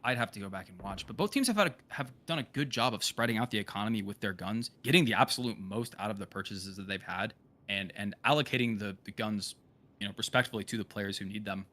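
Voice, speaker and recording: A man giving excited esports play-by-play commentary as a caster, in clipped, exclamatory live calls. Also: on the low side, fast talker.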